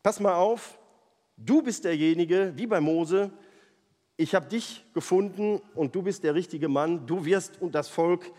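A man gives voice to God, commanding and reassuring. The speech is solemn and emphatic and sits high. A long hall reverb trails every line. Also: measured pace, warm tone.

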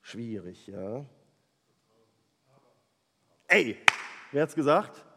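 A man in a lively, animated style, retelling Bible stories to a group as its leader. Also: medium pitch, drawn-out words, a little hiss or hum. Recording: long hall reverb.

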